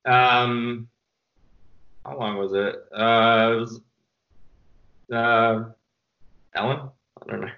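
A man's voice: mid-range voice, steady tone, slow, long pauses, reverberant, lo-fi sound. A man being interviewed about his film, rambling through his answers with lots of restarts and fillers. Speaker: filmmaker guest. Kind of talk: casual interview storytelling.

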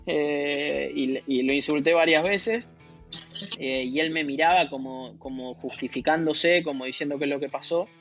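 A man's voice: on the high side, fairly bright tone, muffled recording. A man with an Argentine Spanish accent, a tennis player telling a story in a casual interview, with hesitant restarts. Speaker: guest, professional tennis player.

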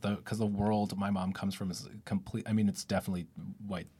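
A young man hosting a podcast, asking rambling, relaxed questions full of fillers. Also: on the low side, fairly quick, breathy edge. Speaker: podcast host. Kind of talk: casual interview chat.

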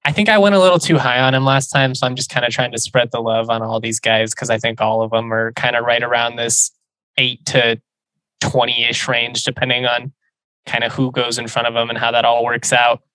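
A man's voice: mid-range voice, fairly even intonation, a little fast, sharp tone, no echo, low-quality recording. A man hosting a sports podcast, talking informally and chattily, slipping into conversational ad reads.

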